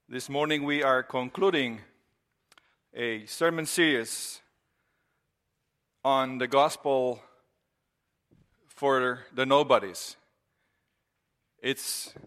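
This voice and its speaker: A man's voice: medium pitch, bright, forceful tone. A man, preaching a sermon in an earnest, conversational way with repeated phrases. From Romania. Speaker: pastor.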